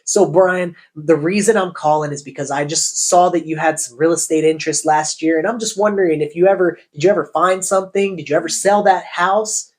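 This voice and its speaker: A man's voice: brisk, few pauses. A man, a real estate agent, giving sales training on cold calling and acting out call lines as he explains. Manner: acts out call lines with shifting pitch.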